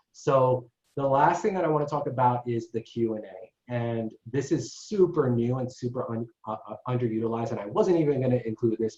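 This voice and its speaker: A marketing consultant with a mid-range, darkish male voice runs a casual webinar for salon owners. He's chatty, keeps checking in with listeners, and ends sentences with "right?" The online call sounds echoey, dull and lo-fi.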